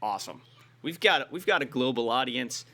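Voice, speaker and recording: A man's voice: mid-range voice, lively intonation, normal speed, sharp tone. An American man co-hosting an esports livestream, talking in a laid-back, rambling way with lots of "like" and "dude". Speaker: esports stream co-host. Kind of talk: casual livestream chat.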